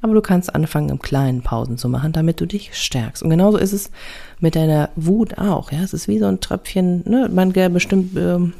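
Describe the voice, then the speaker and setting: A parenting coach and podcast host speaks a little fast in a lowish, creaky, dark-toned voice. Conversational and reassuring, she keeps tacking small confirming words like "ja" and "ne" onto her sentences.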